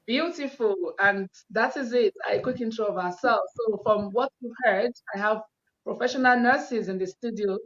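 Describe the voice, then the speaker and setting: A woman's voice: fairly high pitch, normal speed. A woman hosting an online panel, introducing guests in an upbeat, encouraging way. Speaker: host. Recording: dull, lo-fi sound.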